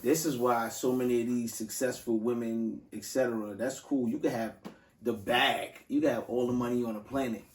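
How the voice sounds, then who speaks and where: A man's voice: mid-range voice, fairly even intonation, moderate pace, distant mic, a little hiss or hum. A man hosting a casual podcast chat, loose and slangy, often restarting his sentences. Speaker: podcast host. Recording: roomy sound from off mic.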